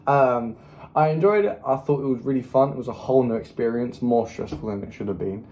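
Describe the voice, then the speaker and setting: A young vlog co-host chatting casually about a student film shoot, jokey and excitable, often cutting off their own sentences. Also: mid-range voice, brisk. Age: young adult. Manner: jokey, excitable, self-interrupting. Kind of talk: casual chat.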